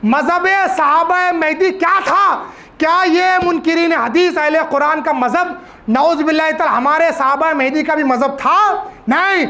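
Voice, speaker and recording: A man's voice: very high voice, a little slow, sharp tone. A man giving a religious lecture, stressing his points by repeating phrases and asking rhetorical questions. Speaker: religious speaker.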